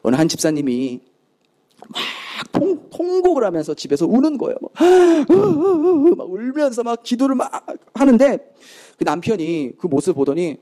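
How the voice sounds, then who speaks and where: A man's voice: high voice, big pitch swings, fairly quick, mellow. A male pastor preaching a sermon with emphatic delivery, acting out prayers and putting rhetorical questions to the congregation. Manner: emphatic preaching with dramatic acted quotes.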